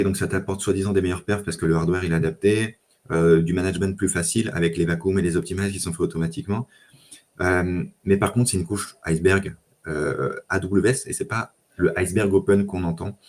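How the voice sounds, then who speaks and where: A man speaking in casual tech chat as a data engineer guest, relaxed, with lots of fillers and restarts. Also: low voice.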